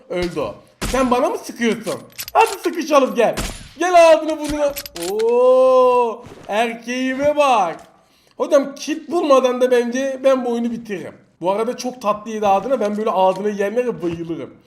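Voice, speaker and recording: A man commentating his own mobile battle royale match in Turkish-accented speech, excitable and taunting the opponents he fights. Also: very high voice, slight background noise. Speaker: mobile game streamer. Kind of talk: live gameplay commentary.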